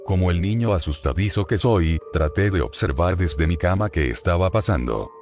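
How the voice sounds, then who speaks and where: A man narrating creepypasta horror stories aloud at a steady, even reading pace. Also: low voice, moderate pace, music in the background.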